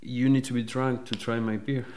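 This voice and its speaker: A man's voice: medium pitch, flat delivery, normal speed, darkish tone, clean tone. A man as a podcast guest, chatting casually and explaining things in short, plain sentences. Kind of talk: casual chat. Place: indoor room, drinking beer with the host.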